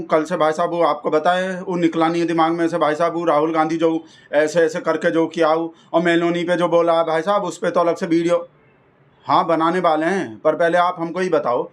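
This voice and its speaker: A man delivering a rambling, folksy satirical comedy monologue. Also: fairly high pitch. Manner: folksy, rambling, keeps addressing the listener as brother. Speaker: comic persona host.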